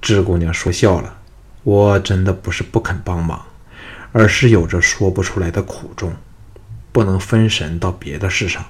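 A shrewd young hero talks in a calm, sincere way with a teasing edge, as the narrator plays him. His voice is deep and unhurried, and he reasons patiently. He is a leading man from a spoken storybook. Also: close to an everyday voice. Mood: earnest.

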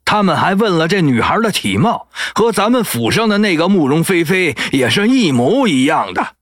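A man's voice: sits high, big pitch swings, moderate pace, a bit bright, no echo, studio quality, exaggerated voice. A man voicing a cautious, servile household steward who reports carefully to his master in a fan audio drama.

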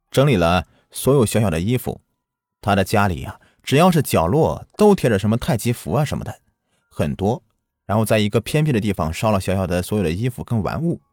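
A man's voice: lowish voice, a little mellow, breathy edge, no echo, clean studio sound. A man narrating a first-person ghost story in an earnest manner, recounting a village memory from his childhood.

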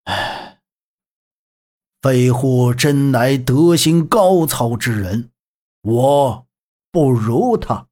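Narrator playing a commanding general, low, slow and husky. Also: lively intonation, a little mellow. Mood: sorrowful. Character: stern righteous male general, commanding.

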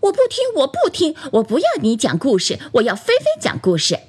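A woman's voice: fairly high pitch, huge pitch swings, fairly quick, slightly rough, pitched above the performer's own voice, full character voice. A woman voicing a stubborn, crying little boy toy doll in a bedtime storybook, whiny and petulant.

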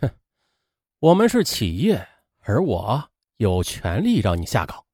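A man's voice: on the low side, wildly swooping pitch, measured pace, warm tone, husky, dry recording, studio quality, pitched below the performer's own voice, full character voice. A man voicing an arrogant, scheming boss who speaks in a cold, clipped, contemptuous way. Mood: sneering.

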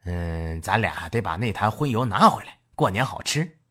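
A storyteller voicing a greedy, sly male cat in a folk tale, in a lower, quieter voice than the narration. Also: expressive, moderate pace, slightly rough, heavily acted. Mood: plain.

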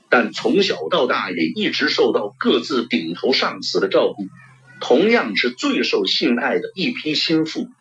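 A man narrating a historical novel with expressive storytelling, on a dull lo-fi recording. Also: a little high. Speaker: audiobook narrator.

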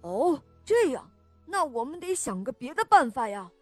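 A woman's voice: high-pitched, very animated, moderate pace, soft background music. A woman voicing a grumpy, bristly wild boar in a children's story. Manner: grumbling, huffy. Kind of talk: storybook reading.

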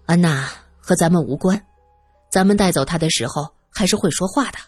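A woman voicing a coldly amused young man who makes cruel suggestions calmly. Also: fairly low pitch, fairly quick, husky, faint music behind. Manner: calm, matter-of-fact, coldly amused.

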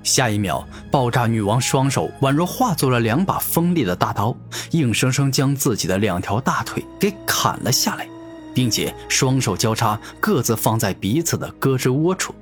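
A man's voice: medium pitch, big pitch swings, normal speed, soft background music. Dramatic male audiobook narrator. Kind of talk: web novel audiobook narration.

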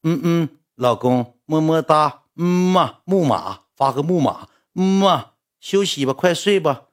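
A woman's voice: low-pitched, lively intonation, a little slow. A man putting on the voice of a clingy young girlfriend, cooing in a babyish way and nagging her partner, with a Northeastern Chinese accent.

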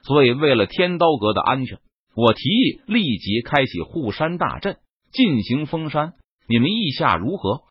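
Stern deputy sect boss barking orders, husky voice, dull lo-fi sound, man narrator doing him. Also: medium pitch, very animated, normal speed, no echo. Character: stern male sect deputy leader, commanding. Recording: dull lo-fi dry recording.

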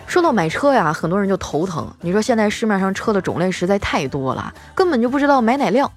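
A woman's voice: medium pitch, sing-song, quick pace, faint music behind. A female host telling scripted comic stories in a playful way, chuckling between jokes.

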